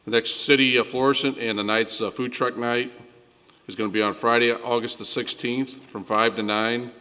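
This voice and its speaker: A middle-aged man serving as mayor, giving event announcements at a council meeting into a desk mic, with steady delivery and filler words. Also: mid-range voice, moderate pace, clean tone. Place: city council chamber. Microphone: desk gooseneck mic. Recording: reverberant council chamber.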